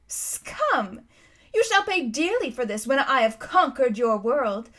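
A woman's voice: high voice, sing-song, slow, a bit bright, exaggerated voice. A woman voicing a haughty, wrathful witch queen in a storybook reading, imperious and menacing as she declaims. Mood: scornful, menacing.

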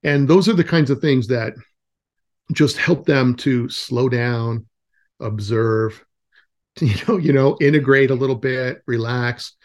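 A man who is a guest forest educator in a casual podcast conversation, animated and acting out the voices of kids and parents. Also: mid-range voice, slow.

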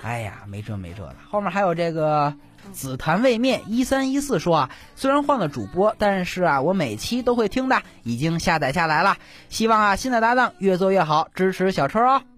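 A man's voice: high voice, big pitch swings, brisk, fairly bright tone. A man co-hosting a comedic chat show, reading listener comments aloud, teasing his co-host and laughing often. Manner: teasing, laughs often, stalls with repeated fillers. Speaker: podcast co-host.

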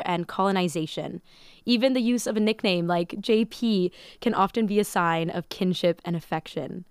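A woman hosts a podcast and reads her introductions in a deliberate, scripted way. Her voice is smooth and resonant. It sits dry and close, with no room sound. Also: mid-range voice, no echo. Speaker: podcast host.

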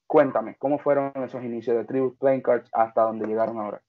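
Male interviewer, friendly and chatty, mid-pitched voice, tinny narrow sound. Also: steady tone, brisk. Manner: friendly, chatty questions with fillers. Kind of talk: casual interview chat. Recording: phone-like narrow band.

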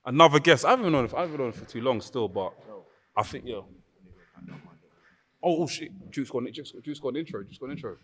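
A man's voice: medium pitch, animated, brisk, long pauses, a bit bright, slightly rough, big-room sound. A man with a London roadman accent and heavy street slang, casually hosting and hyping up guests on a podcast. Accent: London, urban street slang. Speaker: podcast host. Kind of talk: casual hype introductions of guests.

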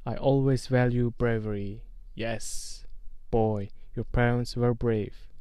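A man reading aloud and voicing an evil, disembodied male dark wizard who hisses in a slow, soft, menacing whisper. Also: mid-range voice, fairly even intonation, clear, resonant tone, no room sound, natural voice. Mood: taunting. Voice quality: hissing, whispery.

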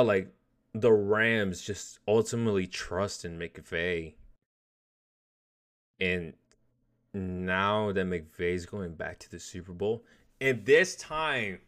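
A man's voice: fairly low pitch, fairly bright tone. A man co-hosting a casual sports podcast, rambling and restarting his phrases, swearing now and then. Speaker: podcast co-host.

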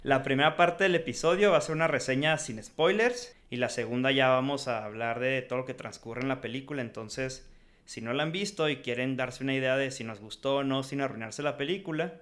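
A podcast co-host with a Mexican Spanish accent gives a frank, slangy film review in a casual chat, laughing often. His mid-range voice is fairly bright and a little fast.

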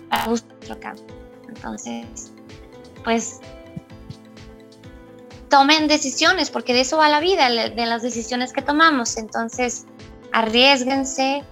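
Young woman from northern Mexico, guest actress, encouraging and direct, bright and a little high. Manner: encouraging, direct advice to listeners. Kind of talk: casual video-call interview.

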